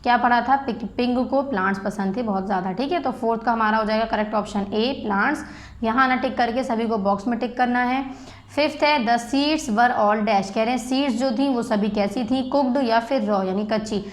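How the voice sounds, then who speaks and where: A woman school teacher with an Indian English accent, slowly explaining a class exercise in Hindi and spelling English words letter by letter. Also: on the high side.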